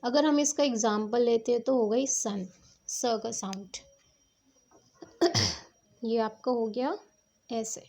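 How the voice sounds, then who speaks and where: A woman's voice: fairly high pitch, slow pace, long pauses, a little mellow. A woman teaching shorthand strokes step by step, patiently checking that her students follow. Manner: patient, repeats "ठीक है" to check understanding. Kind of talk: step-by-step classroom explanation.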